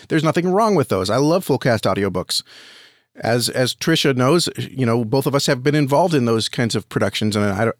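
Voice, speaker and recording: A man with a medium-pitched voice is a guest on a podcast, where he produces and reviews audio dramas. The recording is dry with clean studio sound, and he explains things at length in a conversational way, often repeating words while he searches for the right phrasing.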